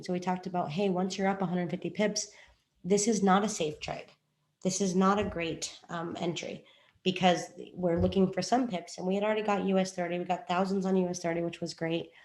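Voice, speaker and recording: Speaking with a fairly low, darkish voice, a woman who coaches traders walks through a chart on a shared screen. She's casual and rambling, with self-deprecating jokes.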